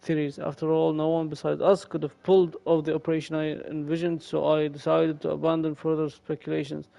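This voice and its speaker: Male streamer, reading game story aloud, stumbles and corrects himself, fairly high, monotone. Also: gravelly. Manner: halting reading with frequent self-corrections.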